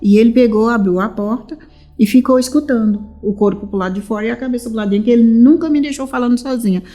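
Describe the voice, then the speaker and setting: A woman tells her story in a mellow, warm voice. She rambles, restarts her sentences and acts out the old dialogue. Soft music plays faintly behind her. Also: fairly high pitch, quick pace. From São Paulo, Brazil. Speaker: mother of a missing teenager. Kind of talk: emotional personal testimony.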